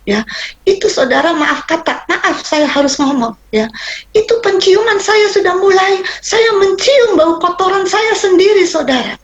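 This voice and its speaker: A woman's voice: extremely high pitch, unhurried, lo-fi sound. A middle-aged woman, a pastor's wife, giving an emotional church testimony and addressing the congregation directly. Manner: emotional, animated, addresses listeners as "saudara".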